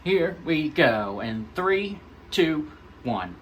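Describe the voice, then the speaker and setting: A man hosts a hands-on test in a casual commentary style. His voice is bright and forceful, with lively swings in pitch and a somewhat high register. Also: extremely slow, a little hiss or hum. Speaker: host demonstrating a fire alarm system test.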